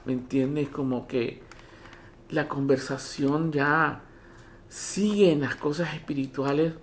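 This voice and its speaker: Pastor, sermon, animated, home church, rhetorical questions, acts out Bible dialogue, mid-range voice. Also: mid-range voice. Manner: animated, repeats "¿me entienden?" to the congregation. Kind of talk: Spanish-language sermon.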